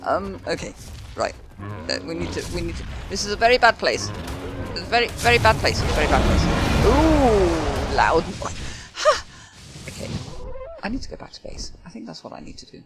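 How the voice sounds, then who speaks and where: A woman's voice: on the low side, sing-song, normal speed. An older woman chatting casually to the creatures in her game as she plays and comments, with frequent exclamations and sighs. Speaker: gaming video host. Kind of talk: casual let's-play commentary. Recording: game music playing behind.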